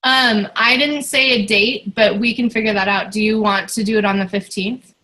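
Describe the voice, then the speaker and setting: A woman's voice: medium pitch, steady tone, moderate pace, pushed and bright, poor audio. A woman running a casual team meeting as coach, chatty and loose, with lots of fillers and restarts.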